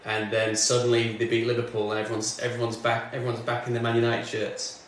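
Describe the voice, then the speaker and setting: A man's voice: mid-range voice, monotone, fast, far from the mic. Chatty man in an echoey room. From northwest England. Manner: chatty, answers chat comments, talks while working. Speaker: music streamer. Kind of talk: casual livestream chat. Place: home studio, in doors. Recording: very echoey room, off mic, faint background noise.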